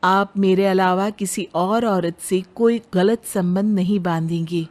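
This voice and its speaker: Casting: woman as young bride for a moral story, educated, outspoken, respectful but resolute, medium pitch. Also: steady tone, unhurried, darkish tone, close to an everyday voice. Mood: solemn. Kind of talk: dramatized Hindi moral story.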